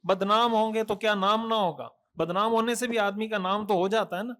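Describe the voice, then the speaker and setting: High-pitched earnest preacher man. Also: fairly even intonation, fairly bright tone. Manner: rhetorical questions, listing repetitions, earnest admonishing. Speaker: mufti preacher. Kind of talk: Thursday night sermon.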